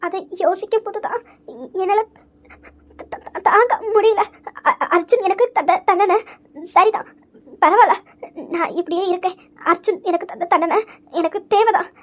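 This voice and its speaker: A woman's voice: extremely high pitch, moderate pace, pauses often. A woman voicing a remorseful young woman in an audio story, crying and stammering as she blames herself. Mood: broken. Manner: sobbing, stammering apologies. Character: remorseful young woman, tearful and self-blaming.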